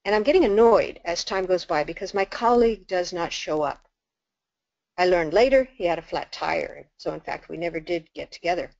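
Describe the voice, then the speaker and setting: An older woman, a nun, telling a story in a talk as an animated storyteller who acts out the dialogue. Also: on the low side, moderate pace, gravelly, no echo. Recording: dull lo-fi dry recording.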